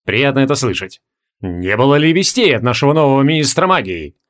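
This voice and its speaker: A man voicing a calm, composed male king of about forty in an audiobook. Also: medium pitch. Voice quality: calm, measured.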